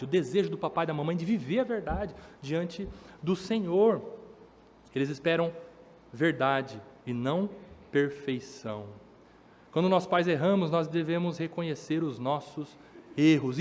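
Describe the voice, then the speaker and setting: High-voiced man preaching in a reverberant church. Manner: preaching with rising emphasis, acting out children's complaints. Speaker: pastor. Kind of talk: sermon. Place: church hall.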